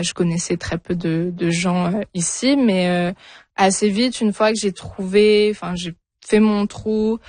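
Fairly low in pitch and darkish in tone, this woman's voice has no room sound. She's a young French guest, newly a physics PhD, answering interview questions in a casual way full of hesitations, fillers, and restarts.

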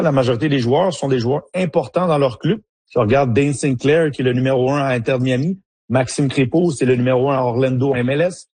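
He's a man from Haiti, once a player and now a soccer analyst, hesitantly responding to an interviewer with many fillers and restarts. The mid-range voice has a darkish tone and a breathy edge, with no echo.

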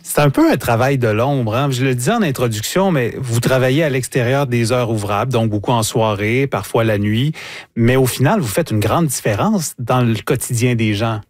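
A man, hosting a radio interview in a studio and asking steady, measured questions. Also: medium pitch, dry recording. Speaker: radio host. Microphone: studio microphone.

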